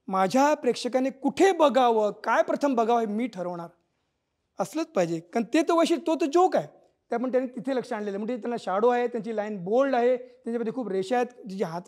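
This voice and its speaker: A man's voice: very high voice, a little mellow. Middle-aged male cartoonist, live stage lecture, explanatory, acts out lines. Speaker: cartoonist presenting a talk. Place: auditorium stage.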